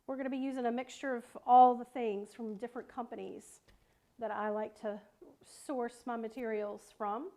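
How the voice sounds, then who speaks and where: A woman's voice: fairly high pitch, steady tone, normal speed, mellow. A woman with a Southern American accent teaching wreath making on a live stream, chatting with viewers and greeting them by name as she works. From South Carolina, United States. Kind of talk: live-stream craft tutorial.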